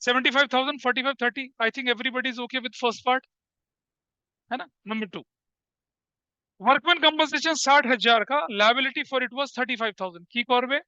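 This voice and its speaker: A male teacher in his forties lectures a class in a very high, sharp and smooth voice. He keeps quizzing his students and repeats each point. The recording is dry and slightly lo-fi. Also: a little slow, no echo. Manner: questioning, repeats points, calls students "beta". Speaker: accountancy teacher. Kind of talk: classroom lecture mixing Hindi and English.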